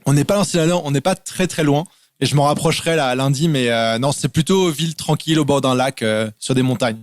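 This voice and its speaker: French guy chatting relaxed, lots of euh and bah, dry close sound. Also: medium pitch, a little fast, no room sound. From France. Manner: relaxed, explains in lists with many fillers. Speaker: guest. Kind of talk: casual interview over a call.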